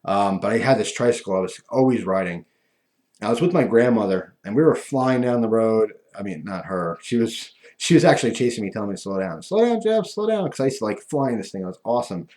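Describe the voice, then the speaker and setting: A man talking casually and ramblingly to viewers, with a lispy voice from missing front teeth that softens his F and V sounds. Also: on the low side, quick pace. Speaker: video host.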